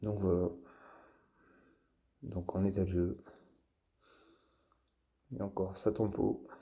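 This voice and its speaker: A man hosting his own channel, presenting toy cars in a casual, halting way with many fillers and restarts. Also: low-pitched, little pitch movement, vocal fry, mellow. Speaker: toy car collector and channel host. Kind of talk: casual show-and-tell vlog.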